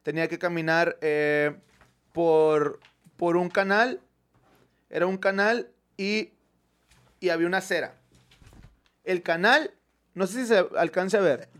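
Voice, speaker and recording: Brief: young Mexican guy, high-ish voice, animated storyteller, slangy and profane, casual podcast chat. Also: a little slow, long pauses. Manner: animated storyteller, heavy slang and swearing, says 'güey' constantly. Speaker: podcast co-host.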